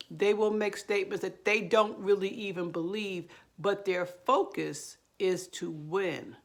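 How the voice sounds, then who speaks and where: Woman with a gravelly, low voice. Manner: earnest and explanatory, with fillers and restarts. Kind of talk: direct-to-camera advice talk.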